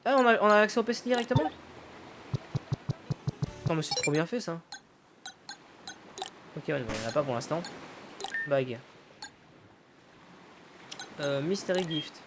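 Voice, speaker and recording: A man's voice: a little high, lively intonation, moderate pace, pauses often, noisy background. A man giving casual let's-play commentary, thinking aloud, swearing casually and loosely paraphrasing the game's dialogue. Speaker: gaming YouTuber.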